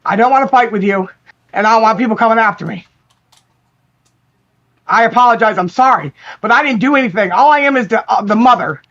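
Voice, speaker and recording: A woman's voice: a little high, a little fast, pauses often, fairly bright tone, highs cut off. A woman calling into a livestream, apologizing in a pleading voice and repeating herself. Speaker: guest calling in.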